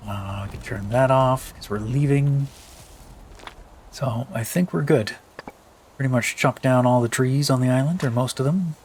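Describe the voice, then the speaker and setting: A man's voice: mid-range voice, slight background noise. A man with a tired voice giving casual, rambling let's play commentary, thinking aloud with many fillers.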